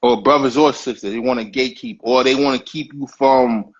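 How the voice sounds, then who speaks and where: A man's voice: mid-range voice, steady tone, fairly quick, husky. A man hosting a casual talk, emphatic and repeating his points as he gives advice. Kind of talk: casual podcast chat. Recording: dull lo-fi stream audio.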